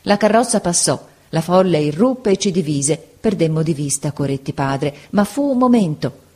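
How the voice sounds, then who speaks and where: Brief: female audiobook narrator, lowish voice, vivid expressive scripted reading. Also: moderate pace, breathy edge.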